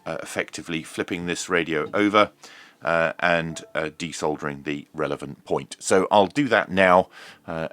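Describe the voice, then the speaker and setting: Speaking in a deep yet fairly bright voice, the presenter of radio review and repair videos works through an unscripted hands-on tutorial. His phrasing is hesitant and piecemeal, with frequent ums.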